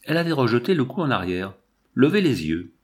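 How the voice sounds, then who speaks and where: A man reading a literary novel aloud in a measured, dramatic narration. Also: mid-range voice, big pitch swings. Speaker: audiobook reader.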